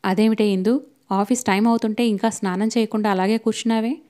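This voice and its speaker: A woman reading an audiobook voices a caring elder sister who wakes and gently scolds her younger sibling. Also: mid-range voice, fairly even intonation, fast, lightly acted. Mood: concerned.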